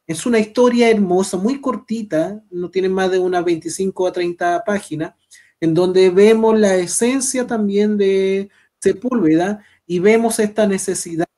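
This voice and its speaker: A man with a Chilean accent co-hosting a literary program, explaining a novel in a steady, explanatory way. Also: sits high, unhurried. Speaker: co-host. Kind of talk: literary discussion.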